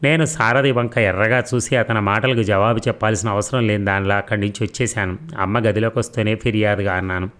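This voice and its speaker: A man with a fairly low voice reads a novel aloud. His delivery is steady and measured, carrying the story evenly. It is plain audiobook narration.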